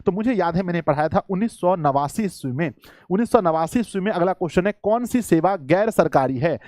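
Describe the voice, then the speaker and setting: A man teaches a live online exam-prep class, urging his students along and repeating key answers. His voice sits fairly high for a man. The sound is close and dry, with no room around it. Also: animated, brisk, darkish tone, no room sound. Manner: coaxing, repetitive, addresses students as children.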